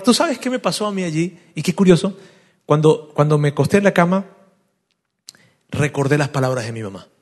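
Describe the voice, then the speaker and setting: A middle-aged man preaching a sermon as a pastor, telling stories and moving between loud, animated bursts and low, hushed passages. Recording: long reverb of a large hall.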